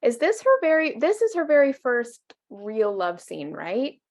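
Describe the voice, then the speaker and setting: Woman cohost, kinda high voice, hesitant, giggly film chat. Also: wildly swooping pitch, a little slow. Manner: hesitant, laughs easily. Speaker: podcast co-host. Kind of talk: casual film discussion.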